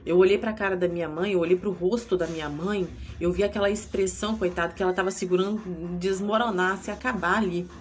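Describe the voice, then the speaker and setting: A woman's voice: on the low side, steady tone, quick pace, hardly any pauses. A young Brazilian woman telling her personal faith testimony in a tearful, emotional way, often calling out to her listeners. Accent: Brazilian Portuguese. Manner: tearful, addresses listeners as "gente". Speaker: testimony speaker.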